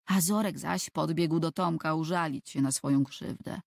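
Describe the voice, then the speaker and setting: Gravelly-voiced woman narrating a children's story. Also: low-pitched, moderate pace, no echo, studio quality. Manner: expressive storytelling. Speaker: audiobook narrator. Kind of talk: scripted narration of a children's book.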